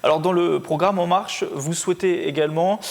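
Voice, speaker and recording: A man's voice: on the high side, fairly even intonation, fairly quick, vocal fry. A man moderating a local TV political debate, pressing the guests with pointed follow-up questions. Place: local TV studio.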